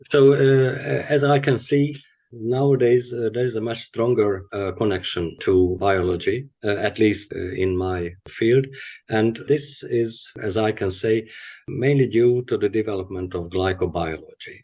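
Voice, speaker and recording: Older Hungarian man, halting and low. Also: fairly even intonation, darkish tone. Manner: halting, many filler pauses. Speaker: chemistry professor guest. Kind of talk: podcast interview. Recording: muffled lo-fi audio.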